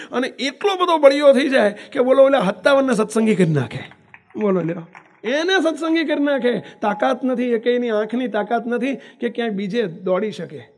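A monk giving a devotional discourse, often asking his listeners questions and using everyday examples. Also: very high-pitched. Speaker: monk preacher.

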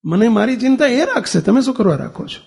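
A man's voice: very high-pitched, sing-song, fairly quick, vocal fry, a little mellow, breathy edge, big-room sound. A man giving a sermon, telling a family story and putting questions to the listeners. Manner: acts out family dialogue, asks audience questions. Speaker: religious speaker.

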